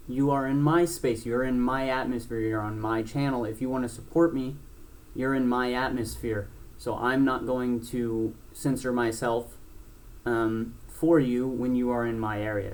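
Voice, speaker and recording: A blunt gaming YouTuber in his twenties talks casually straight to camera, rambling with lots of fillers and restarts and swearing freely. His voice sits at an ordinary middle pitch for a man and has a darkish tone.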